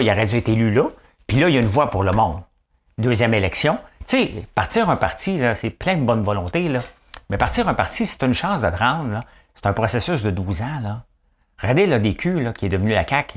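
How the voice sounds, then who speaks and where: A lowish-voiced man with a Quebec French accent performs a comic monologue that rambles and bursts with energy. It's peppered with fillers and words said over again.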